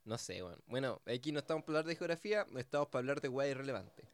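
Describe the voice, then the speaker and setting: A man's voice: medium pitch, lively intonation, racing, no echo. A young man with a Chilean accent, chatting casually on a podcast, slangy and joking as he rambles through a story. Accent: Chilean Spanish. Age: young adult. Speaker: podcast co-host. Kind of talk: casual chat.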